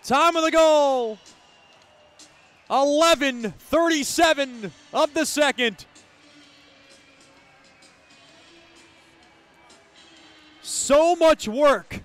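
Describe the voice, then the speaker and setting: High-pitched man shouting a drawn-out goal yell. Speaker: hockey play-by-play announcer. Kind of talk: excited sports commentary.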